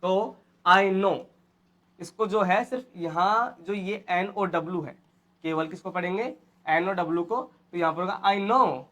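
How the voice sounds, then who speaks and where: A man's voice: high-pitched, a little slow, pushed and bright. An Indian man teaching English phrases, repeating each one and quizzing his students. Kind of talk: spoken English lesson in Hindi.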